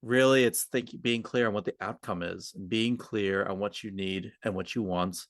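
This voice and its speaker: A fairly low-pitched male voice at normal speed, recorded dry with clean studio quality. In this unscripted coaching discussion, the communication-coach co-host explains his points and frequently illustrates them with invented quoted dialogue.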